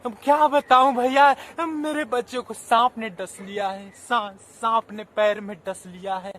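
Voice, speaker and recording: A man's voice: extremely high pitch, fairly even intonation, unhurried, fairly bright tone. A man voicing a grieving elderly widowed mother who laments and pleads to God. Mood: despairing.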